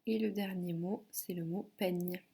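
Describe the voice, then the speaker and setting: A woman teacher giving a phonics and spelling lesson to a child, dictating syllables slowly and clearly. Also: fairly low pitch, fairly even intonation, mellow. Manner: slow, clearly articulated dictation.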